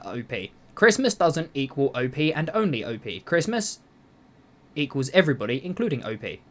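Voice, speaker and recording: A young man reads reddit posts and reacts to them, swearing freely and drifting into rambling asides. His pitch swings widely, climbing and dropping as he goes. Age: young adult. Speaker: YouTuber. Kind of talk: reading reddit posts with commentary. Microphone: voice-over over gameplay footage.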